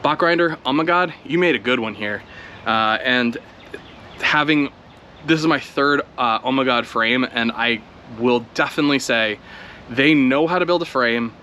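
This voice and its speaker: Flying his drone outdoors, this male video creator gives easygoing first-flight commentary, musing aloud in a chatty way. His mid-range voice moves at a normal speed, and the audio sounds dull with a little background noise.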